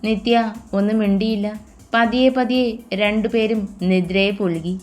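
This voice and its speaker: A woman storyteller giving scripted narration of a romance story in a soft, steady, emotive way. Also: medium pitch, unhurried. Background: soft music.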